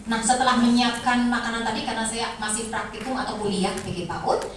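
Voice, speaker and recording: A middle-aged woman gives a lively lecture, slipping into acted-out voices as she tells her stories. Her voice sits high. She is recorded from some distance in a strongly echoing hall with a faint hiss behind her. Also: a little fast. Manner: animated storytelling, acts out voices, laughs often. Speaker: kindergarten teacher giving a talk. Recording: echoey room, voice from far off.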